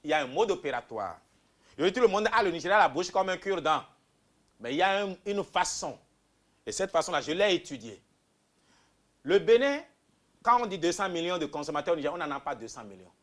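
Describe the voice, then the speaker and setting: A man from Benin, answering interview questions as a political candidate in an emphatic way that swings from loud bursts to quiet asides. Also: on the high side, very animated, a little fast, long pauses. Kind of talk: interview answers, campaign pitch.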